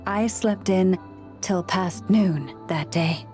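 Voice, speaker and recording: With an amused air, a woman speaks as a gentle young Moon Chanter in a video game, a caring counselor to people and animals whose manner is calm, measured, and earnest. Her voice leans low and is heard over music.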